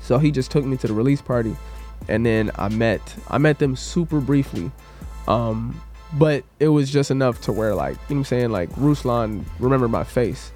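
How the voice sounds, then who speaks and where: A man's voice: medium pitch, normal speed, a little mellow. A young man with a mid-range voice, telling his story in a loose, casual way. He pokes fun at himself as he goes. Faint music sits behind him. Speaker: musician guest. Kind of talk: casual chat.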